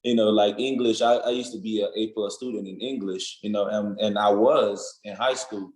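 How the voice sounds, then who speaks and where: A young adult man with a Nigerian accent, a football player appearing as a guest, answers interview questions earnestly and at rambling length, often saying "you know what I'm saying." His pitch is fairly low and his tone steady at a normal speed, in an echoey room.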